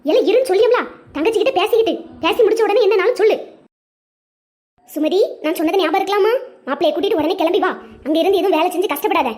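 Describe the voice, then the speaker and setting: A woman's voice: very high-pitched, quick pace, darkish tone. A woman voicing a nagging older mother-in-law in a cartoon, scolding in a Tirunelveli Tamil accent. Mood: bossy. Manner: scolding, bossy. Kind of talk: cartoon voice acting.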